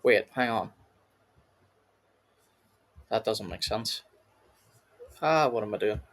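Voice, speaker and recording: A man's voice: fairly low pitch, animated, slow, fairly bright tone. A man hosting a casual reaction video, rambling and laughing often as he comments. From United Kingdom.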